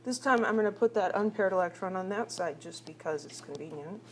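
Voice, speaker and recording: A woman's voice: mid-range voice, lively intonation, fairly quick. Chatty woman chemistry teacher, faint hum. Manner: chatty, teasing, asks the class questions. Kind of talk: recorded classroom lecture.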